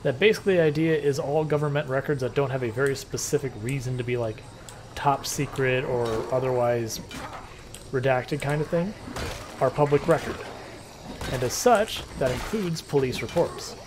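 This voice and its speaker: While livestreaming a video game, a man rambles and jokes in easygoing conversation. He talks at a normal speed with a medium pitch, and background noise can be heard.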